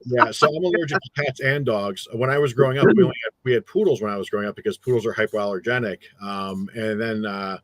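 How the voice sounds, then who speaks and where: A man's voice: on the low side, fast, hardly any pauses, no room sound. A middle-aged man with a New Jersey accent, chatting casually as a guest and rambling with many fillers and restarts. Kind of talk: casual chat.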